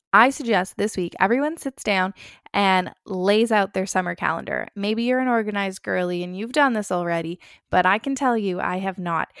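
Young female podcast host, upbeat chatty advice-giver, gravelly fry at phrase ends, dry close sound. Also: mid-range voice, no echo. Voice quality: creaky vocal fry. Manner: upbeat, chatty advice-giving with girlish slang. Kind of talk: casual motivational podcast monologue.

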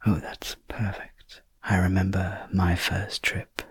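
A very breathy, whispered role-play by a man in the manner of a sleep story narrator. He is a calm, reassuring spacecraft sleep technician who speaks slowly and gently, low and close in a dry space. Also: no room sound, exaggerated voice. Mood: soothing, attentive.

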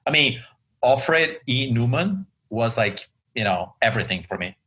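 A man from Brazil, chatting as an interview guest in a relaxed way with many fillers. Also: mid-range voice, unhurried. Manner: relaxed, chatty, many ums and you-knows. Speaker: guest, advertising creative director. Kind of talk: interview conversation.

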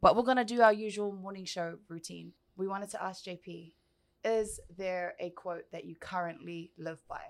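A woman's voice: lowish voice, moderate pace, dry recording. A woman hosting a podcast, talking in an upbeat, enthusiastic and casual way. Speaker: podcast host. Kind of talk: casual chat. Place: studio.

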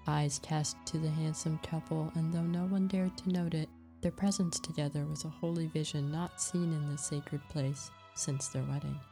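A woman narrating a story in a measured, even reading, with faint music behind. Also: deep voice, gravelly.

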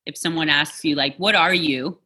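A woman who immigrated from Poland and grew up in New York earnestly talks through her identity as a guest in a casual podcast interview. Her low voice is pushed, bright, and slightly rough, and her manner is thoughtful and measured.

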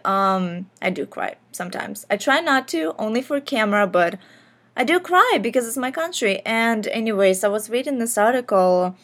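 A young woman from Ukraine hosting a podcast, talking earnestly and casually with lots of fillers. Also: mid-range voice. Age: young adult. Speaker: podcast host. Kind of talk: casual personal podcast talk.

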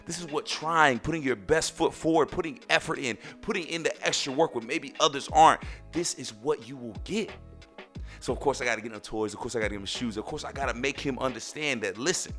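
A man's voice: mid-range voice, fairly quick, fairly bright tone, faint music behind. Emphatic man hosting a casual podcast. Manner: emphatic, repeats phrases for effect. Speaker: podcast host. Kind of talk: casual solo podcast monologue.

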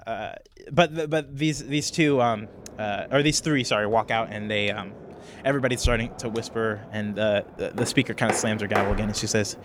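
A man's voice: lowish voice, steady tone, fairly quick, few pauses, noisy background. A man acting as game master, narrating a tabletop game in a hesitant way full of fillers. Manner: hesitant, many fillers, laughs often.

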